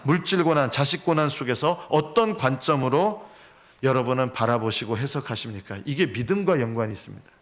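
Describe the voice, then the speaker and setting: A man's voice: mid-range voice, fairly bright tone. A man preaching a sermon as pastor. He asks rhetorical questions and acts out quotes. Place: church sanctuary.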